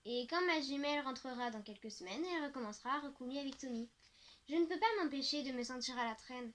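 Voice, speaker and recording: Woman audiobook narrator; high-pitched, reflective first-person teen novel reading. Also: quick pace, fairly bright tone.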